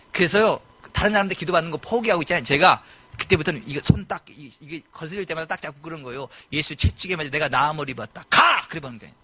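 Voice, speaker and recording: A middle-aged male pastor preaching a sermon in a church, animated and given to sudden loud exclamations. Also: a little high, husky. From South Korea. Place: church sanctuary.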